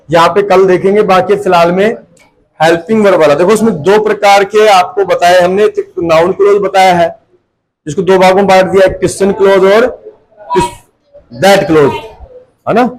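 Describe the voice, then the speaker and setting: A man with a high, bright-pitched voice lectures a classroom of students. He repeats each point and keeps checking with rhetorical questions whether the class follows. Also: poor audio. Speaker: tuition teacher.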